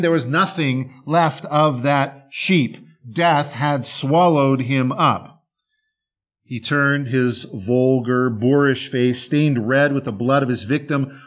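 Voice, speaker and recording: A man narrating a dark fable with drawn-out dramatic pauses. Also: mid-range voice. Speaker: storyteller.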